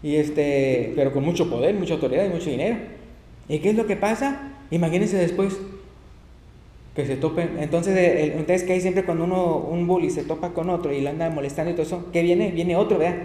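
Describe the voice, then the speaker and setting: A preacher delivering a sermon, reading scripture and acting out the quoted lines with lively emphasis. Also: medium pitch, brisk. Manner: animated, laughs often, acts out quoted lines. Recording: reverberant church hall.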